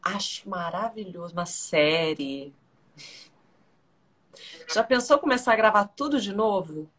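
A woman's voice: medium pitch, expressive, measured pace, fairly bright tone, slightly rough. A young woman from Paraná, Brazil, chats casually on a live stream. She reads fan comments aloud in a friendly, easygoing way. Her voice comes through a webcam in her living room at home. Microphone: video call on webcam.

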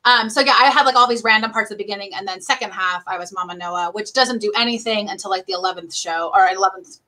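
Female interview guest, bright, forward voice; chatty and filler-heavy delivery. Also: medium pitch. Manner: chatty, fast, says "like" a lot, laughs often. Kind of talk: casual conversation.

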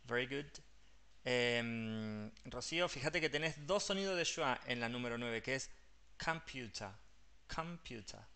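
A man's voice: medium pitch, moderate pace, pushed and bright, clear, resonant tone. A man with a Rioplatense Spanish accent, an English teacher patiently explaining pronunciation step by step and mixing English terms into his Spanish.

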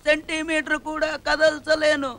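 An actor playing a boastful, bumbling comic rowdy in a film comedy, swaggering one moment and yelping the next. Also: male voice, very high voice, monotone, normal speed, full character voice. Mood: complaining. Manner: swaggering threats that collapse into yelps of pain. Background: loud film score.

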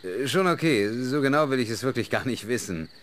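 A man's voice: medium pitch, lively intonation, a little fast, heavy background noise, natural voice. A man voicing a cheeky, somewhat hesitant young adventurer hero in a fantasy video game.

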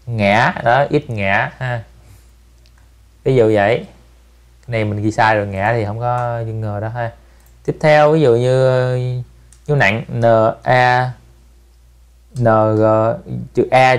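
Easygoing man explaining. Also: medium pitch. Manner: relaxed, step-by-step, ends phrases with soft tag particles. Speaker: channel host giving an app tutorial. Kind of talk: casual screen-recorded tutorial.

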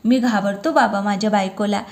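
A woman's voice: mid-range voice, a little fast, lightly acted. A woman doing a teasing playful young husband. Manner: joking, mischievous, lively.

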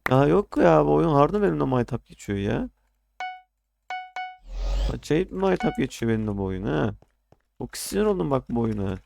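A man's voice: medium pitch, big pitch swings, brisk, gravelly, long pauses, music in the background. A young man casually commenting on his own gameplay, often frustrated, ranting and swearing at the game. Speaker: gaming streamer.

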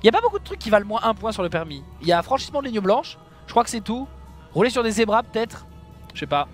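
A man with a high voice that jumps all over the place chats through his gameplay for his viewers. He yelps at near-misses and makes joking, self-mocking remarks about his own blunders. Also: quick pace, soft background music. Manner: excitable, exclaiming and laughing at his own mistakes. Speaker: video game streamer. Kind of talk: casual gameplay commentary.

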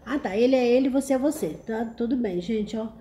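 Brazilian woman, livestream host, warm mellow tone, chatty and teasing. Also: on the high side, fairly quick, slight background noise. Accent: Brazilian Portuguese. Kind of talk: casual live chat, reading comments.

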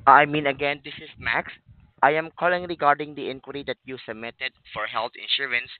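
A man's voice: mid-range voice, steady tone, brisk. A man working as a health insurance telemarketer, giving scripted questions on a sales call. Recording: tinny narrow phone line.

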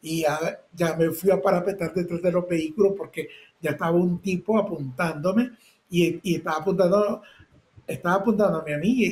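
A middle-aged Nicaraguan man, a photojournalist, telling his experiences vividly in an interview, acting out shouts and sound effects. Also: sits high, poor audio. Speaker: photojournalist guest. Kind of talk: personal storytelling interview.

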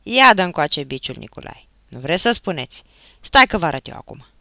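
A woman's voice: lowish voice, sing-song, creaky, no room sound, highs cut off, heavily acted. Woman voicing a fierce young peasant bully. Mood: furious shouting. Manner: shouting, snarling threats. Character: fierce seventeen-year-old peasant youth, violent.

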